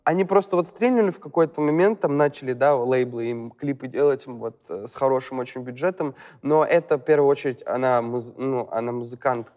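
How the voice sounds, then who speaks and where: A man's voice: medium pitch, brisk, hardly any pauses, darkish tone. A young man chatting casually as a guest musician, slangy and swearing often, with lots of filler words. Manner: slangy, swears often, fills with "типа" and "бро". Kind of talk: casual chat. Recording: long hall reverb.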